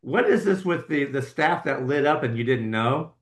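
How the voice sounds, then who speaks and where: A man's voice: mid-range voice, expressive, normal speed, echoey room. A man hosting a casual podcast interview, asking playful, jokey questions. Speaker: podcast host.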